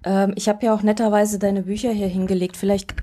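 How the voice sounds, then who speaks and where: A woman's voice: mid-range voice, little pitch movement, a little fast, mellow. A woman hosting an interview, asking questions in a hesitant, friendly way with many fillers. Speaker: interviewer, host. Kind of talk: conversational interview.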